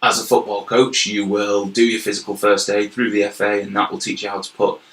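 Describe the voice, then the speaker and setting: This young Yorkshireman from York, a health and wellbeing manager, earnestly describes his work at length as a casual interview guest, often repeating words. His fairly low voice is completely flat, a little fast and a bit bright. The recording is roomy and echoey.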